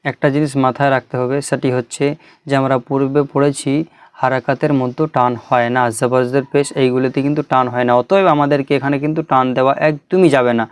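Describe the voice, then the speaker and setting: A man teaching a Quran reading lesson on video, explaining step by step with patience and reciting letter drills slowly. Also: medium pitch, steady tone, clean tone, dry recording.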